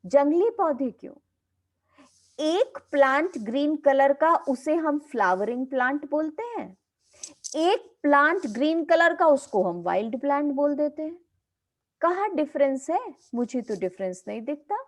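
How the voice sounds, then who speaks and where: A woman's voice: sits high, very animated, a little slow, pitched above the performer's own voice. A woman voicing a cheerful old man with one leg, patient and reassuring as she retells the scene for students. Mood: gently persuasive.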